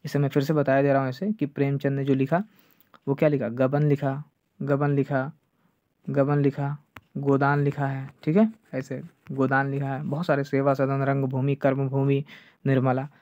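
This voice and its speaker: A male teacher giving an online exam-prep lecture, checking "clear?" over and over and slowing down to drill names. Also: medium pitch, monotone, a little mellow, no room sound. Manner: repeats "ठीक है" and "clear है" often, drills names slowly. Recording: dull lo-fi dry sound.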